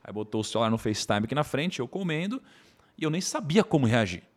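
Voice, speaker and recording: Man, rapid delivery, animated storytelling, podcast guest. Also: medium pitch. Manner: animated, tags sentences with quick asides. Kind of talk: casual storytelling in conversation.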